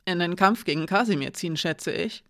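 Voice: medium pitch, brisk, lightly acted. A reader voicing Alina, a shaken young woman warrior. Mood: resigned. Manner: urgent, then quiet and defeated. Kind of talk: audiobook character reading.

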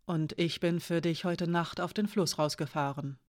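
A composed woman spy speaks in a soft, low, steady voice, read by a female narrator. Her tone stays calm and earnest. This is a quiet audiobook role. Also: moderate pace, close to an everyday voice.

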